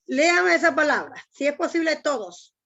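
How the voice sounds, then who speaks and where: A woman's voice: sits high, sing-song, moderate pace, creaky, a bit bright, muffled recording. A woman teacher giving an online language lesson, patiently explaining step by step and asking students to read aloud.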